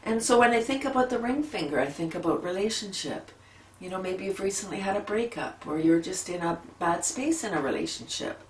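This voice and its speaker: A middle-aged woman leading a gentle relaxation lesson at home, talking softly and sighing out long breaths between exercises. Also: medium pitch, animated, a little fast, far from the mic. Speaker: laughter yoga leader. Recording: echoey room, a bit off-mic, faint background hum.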